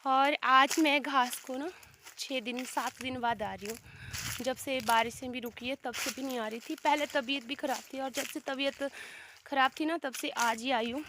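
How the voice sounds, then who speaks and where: A village life vlogger from Himachal Pradesh, India, has a sore throat and a voice that sits high, with fairly even intonation and a moderate pace. She walks along a steep grassy hillside, chatting straight to her viewers over a noisy background.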